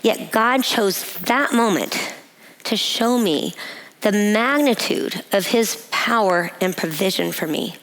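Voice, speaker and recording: A woman giving a personal testimony at a women's breakfast, telling a story in a measured way and laughing often. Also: medium pitch, animated, a bit bright, poor audio. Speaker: guest speaker. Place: event hall.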